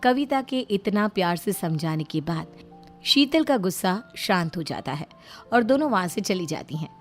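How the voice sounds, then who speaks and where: A woman narrating a cartoon family story in an even, storytelling manner. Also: lowish voice, moderate pace, faint music behind.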